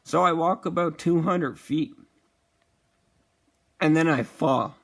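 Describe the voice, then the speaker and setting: A young man casually telling a profane storytime vlog, animated and acting out the quotes. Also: on the high side, takes it slowly, creaky. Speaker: vlogger.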